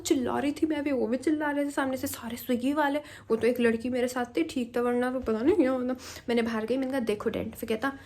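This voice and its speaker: A woman's voice: on the high side, a little mellow. A young woman from India telling a story in a casual vlog, fiery and mixing English phrases into her talk. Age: young adult. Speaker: vlogger.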